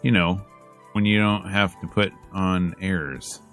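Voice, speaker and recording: Like a streamer working through a visual novel, a low-voiced man reads the narration and dialogue aloud in a casual, slangy way. Music plays softly beneath him. His tone stays steady and a little bright, and he goes slowly.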